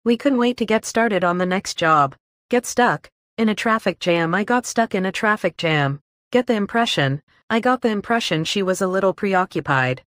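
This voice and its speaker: A woman slowly reading a list of English phrases, each followed by an example sentence. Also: mid-range voice, lively intonation, a bit bright, no echo, studio quality. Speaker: English teacher.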